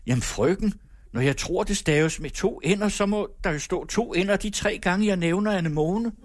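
A man's voice: high-pitched, pitched above the performer's own voice, close to an everyday voice. A man voicing a stubborn young girl who argues her case earnestly and insistently in a story reading. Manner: pleading yet insistent.

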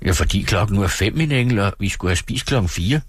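A man's voice: on the low side, animated, slightly rough, dry recording. A man playing a patient, coaxing young husband. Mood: gentle coaxing. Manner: gentle, coaxing, earnest.

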